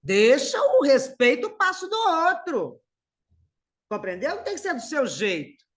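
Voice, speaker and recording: A woman's voice: high voice, very animated, measured pace. A middle-aged woman from Brazil giving a conversational spiritist lecture, calling her listeners brothers and sisters.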